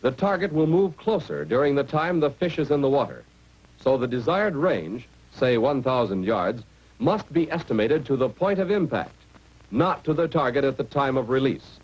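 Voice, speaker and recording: On a dull, faintly noisy 1940s film soundtrack, an American man gives direct, second-person instructions as narrator of a scripted military training film. His voice is medium-pitched, sing-song and slightly rough, moving at a normal speed.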